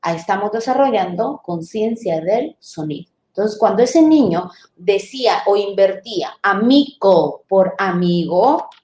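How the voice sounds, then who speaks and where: A woman's voice: mid-range voice, expressive, warm tone. Woman lecturer sounding out syllables, echoey. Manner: explanatory, sounds out syllables slowly, asks rhetorical checks. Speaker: teacher trainer. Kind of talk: live online lecture.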